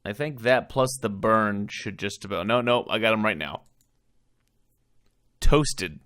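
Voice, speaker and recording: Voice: medium pitch, moderate pace, fairly bright tone, clear, resonant tone. A game player giving casual commentary, musing aloud in a wry way. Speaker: video game player narrating.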